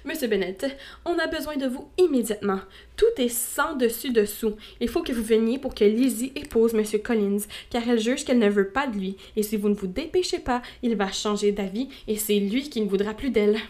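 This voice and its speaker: A woman voicing a fussy, excitable middle-aged mother in a storybook reading, shrill and pleading. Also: a little fast, natural voice. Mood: agitated.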